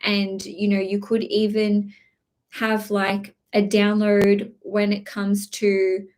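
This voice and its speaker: A woman's voice: medium pitch, completely flat delivery, slow, darkish tone. A woman giving a chatty live-streamed horoscope reading, with many fillers, restarts and a slight cough. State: slight cough, throat clearing. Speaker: astrology reader.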